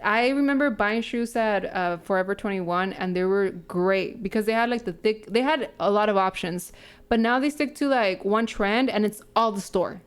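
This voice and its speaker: A woman's voice: medium pitch, normal speed, clear, resonant tone. A woman in her thirties co-hosting a podcast, chatting casually and rambling with lots of fillers and restarts. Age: 30s. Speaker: podcast co-host. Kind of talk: casual chat.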